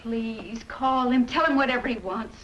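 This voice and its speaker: Middle-aged lady playing a scared pleading wife, high voice, hissy old tv sound. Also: normal speed, a bit bright, highs cut off, close to an everyday voice. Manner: urgent and pleading. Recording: hissy 1970s TV film audio.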